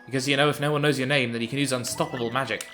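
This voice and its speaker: A man's voice: mid-range voice, steady tone, rapid-fire, a bit bright, faint music behind, natural voice. A man reading the lines of a sly, gossiping crow from a video game, in a conspiratorial tone.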